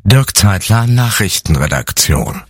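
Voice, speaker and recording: A man's voice: lowish voice, sing-song, measured pace, husky, no echo, clean studio sound. A man from the news desk delivering a news report. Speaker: news editor.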